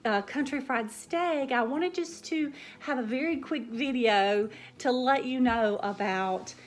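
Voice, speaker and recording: Slow-talking Southern woman with a drawl. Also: high voice. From Southern United States. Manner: gentle, slow, warm storytelling drawl. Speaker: cooking channel host. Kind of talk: casual chat to viewers.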